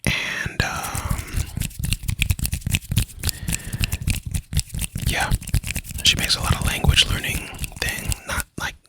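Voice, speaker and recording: A man whispering breathily in ASMR style, slowly repeating playful words and nonsense syllables. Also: bright, forceful tone, dry recording, low-quality recording.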